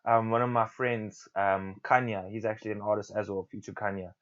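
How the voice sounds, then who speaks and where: A man's voice: lowish voice, steady tone, fairly quick, a bit bright. A young man, a musician guest on a podcast, chatting casually in a laid-back, rambling way. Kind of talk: casual chat. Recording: dull lo-fi sound.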